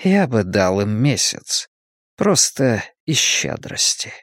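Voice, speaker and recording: A man reading as a cold young gang boss, slightly lower than a plain male voice and slow and deliberate, every word measured and quietly threatening. The recording is dry and close, with no room sound. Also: big pitch swings, dry recording, exaggerated voice. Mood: coolly menacing.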